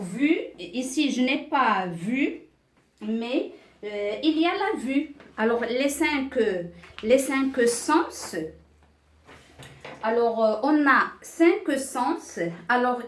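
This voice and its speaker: A woman teaching a beginner French class, speaking slowly and patiently, spelling out letters and syllables and checking understanding with questions. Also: a little high, animated. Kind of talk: beginner French lesson at a board.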